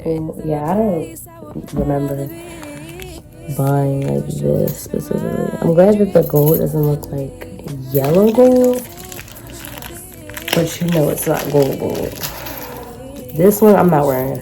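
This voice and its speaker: Low-voiced woman, rambling haul vlogger. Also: takes it slowly, vocal fry, long pauses, music in the background. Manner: rambling, informal, slangy. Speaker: vlogger showing a shopping haul. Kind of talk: casual chatty haul vlog.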